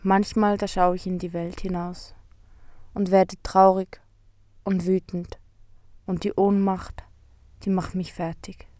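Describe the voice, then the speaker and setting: A woman narrating a scripted story in a gentle, soft, reflective way. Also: lowish voice, level tone, slow pace, pauses often, no room sound.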